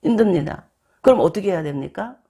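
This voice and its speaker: A preacher delivers a sermon with a rough, gravelly edge to the voice. The talk runs like storytelling, and the preacher slips into short acted voices for quoted lines. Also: mid-range voice, expressive, a little fast, dark tone.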